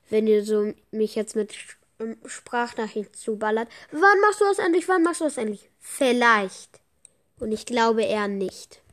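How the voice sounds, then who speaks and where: A woman chatting casually while playing a game for her podcast, excitable and chatty, with frequent slang exclamations. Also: mid-range voice. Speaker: gaming podcaster. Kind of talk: casual gameplay commentary.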